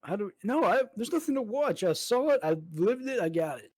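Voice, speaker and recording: A man's voice: high-pitched, very animated, fairly quick, a little mellow, dry recording, low-quality recording. A young man co-hosting a podcast at home, telling a long story in casual chat with lots of "like" and swearing. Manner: rambling storyteller, heavy swearing and fillers. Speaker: podcast co-host.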